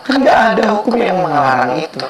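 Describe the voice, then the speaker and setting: A man's voice: sits high, very animated, fairly quick. A man in a played clip arguing his case and asking pointed questions. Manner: argumentative, asks pointed questions. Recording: clip with crowd noise behind.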